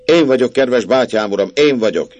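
A man reading a story aloud, voicing an earnest, hurried young man answering his uncle. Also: medium pitch, animated, a little mellow, lo-fi sound, voice pushed up, natural voice. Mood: eager.

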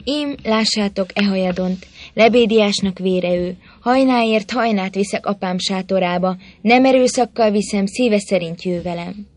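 A woman's voice: medium pitch, a little mellow, close to an everyday voice. A woman voicing a proud young heroic prince in a storybook reading, rousing his warriors.

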